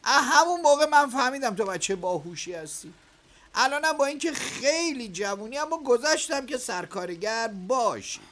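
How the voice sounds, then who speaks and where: An actor playing an irritable middle-aged male factory owner in a radio drama, who scolds his workers and quickly flares up. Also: extremely high pitch, very animated, fairly bright tone, exaggerated voice. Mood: earnest.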